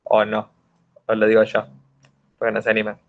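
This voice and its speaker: A man's voice: lowish voice, monotone, moderate pace. A young man with a Rioplatense accent tutors fellow students in an informal online study group, explaining step by step with many fillers and hesitations. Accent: Rioplatense Spanish. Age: young adult. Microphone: video call. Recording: dull lo-fi online call audio.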